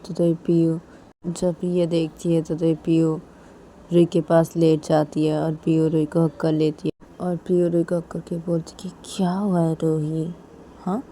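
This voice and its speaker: A woman narrating a romantic story in a soft, plain, repetitive way. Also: sits low, little pitch movement, measured pace, slight background noise.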